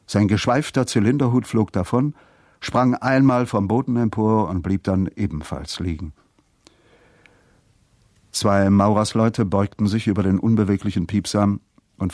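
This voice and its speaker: A man reading a literary story aloud in a steady, measured narrating voice. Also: lowish voice, no room sound, studio quality. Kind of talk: scripted narration.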